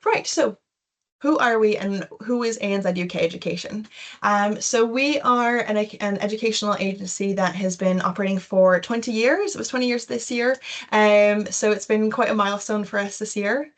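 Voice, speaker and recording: A young adult Canadian woman with a mid-range voice hosts an informal webinar at a moderate pace, chatting in a loose, casual way. She works as an education recruitment consultant.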